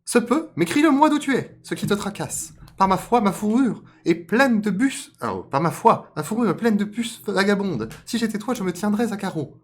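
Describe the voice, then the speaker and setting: A man voicing a plump, cocky male rabbit who outwits the others in a spoken folk tale, in a very high, loud voice. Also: animated, moderate pace. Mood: perky.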